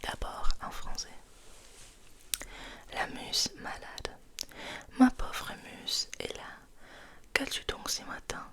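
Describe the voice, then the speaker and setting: This is a woman whispering softly and deliberately, ASMR-style, right up against the microphone as she hosts a quiet poetry reading.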